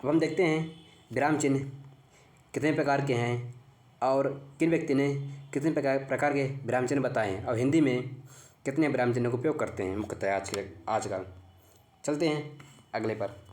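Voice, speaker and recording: A man teaching grammar for exam preparation in an echoey room. He quizzes the viewer by repeating his own points as questions. His voice sits at a middling pitch, and his delivery is halting and full of restarts. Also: a little mellow. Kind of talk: exam-prep grammar lesson.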